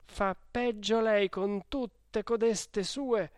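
A man's voice: high-pitched, fairly even intonation, extremely slow, smooth, dry recording, studio quality, voice pushed up. A man doing a blunt older housekeeper woman. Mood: indignant. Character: outspoken older female priest's housekeeper.

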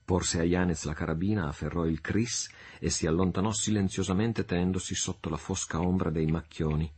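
Deep-voiced man narrating an audiobook. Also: steady tone, brisk, darkish tone, slightly rough.

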